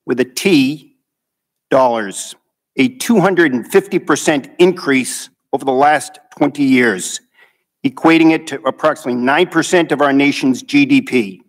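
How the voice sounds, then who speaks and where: A man reading a formal prepared statement at a hearing, carefully going through figures. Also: fairly high pitch. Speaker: witness. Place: hearing room. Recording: hall reverb.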